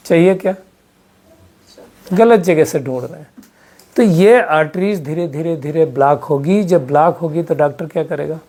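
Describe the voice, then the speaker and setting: A spiritual teacher, a man with a gravelly, dark and slightly high voice, talks to a live audience about spiritual health. He asks question upon question and mixes English terms into his speech.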